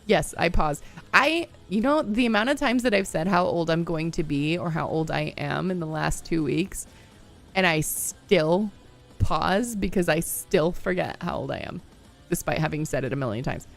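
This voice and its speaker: Faint music plays behind a woman in her thirties who chats casually with her viewers while streaming a game. She speaks at a normal speed in a fairly low voice with vocal fry, laughing frequently and peppering her talk with "like" and "you know."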